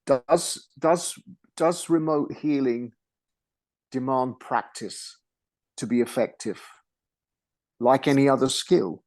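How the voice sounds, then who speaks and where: Male session participant: medium pitch, casual, hesitant delivery, feels his way through questions. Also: darkish tone. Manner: hesitant, halting, repeating words.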